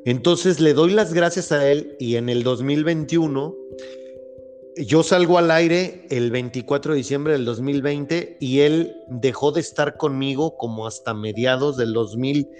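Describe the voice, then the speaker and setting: A man's voice: mid-range voice, measured pace, darkish tone, faint music behind. Earnest man hosting a faith podcast. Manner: earnest, rambling, with frequent restarts and fillers. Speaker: podcast host. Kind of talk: casual faith-based podcast conversation.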